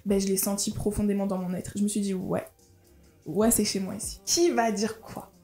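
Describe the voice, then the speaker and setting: A French-Gabonese vlogger in her twenties talks fast and chattily to her viewers in a casual personal vlog. Her medium-pitched voice is lively, and her French accent carries touches of Marseille and Gabon. The room sounds roomy and echoey, with faint music behind her.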